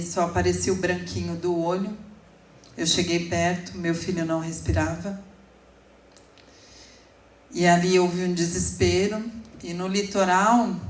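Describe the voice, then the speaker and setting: A woman in her forties giving an emotional sermon testimony, telling her story slowly with sudden emphatic rises. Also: lowish voice. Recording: echoey room, speaker far from mic.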